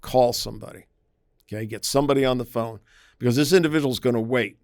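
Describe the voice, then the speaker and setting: A male private investigator shares safety tips in a conversational podcast interview, often acting out quoted voices and giving emphatic warnings. His mid-range voice is slightly mellow and fast-paced, recorded at studio quality with no echo.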